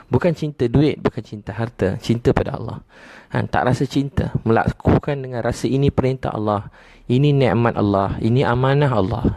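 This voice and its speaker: A man with a Malaysian Malay accent giving a religious lecture, repeating his points in a gently emphatic way and dropping to soft lows. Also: no room sound. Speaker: preacher.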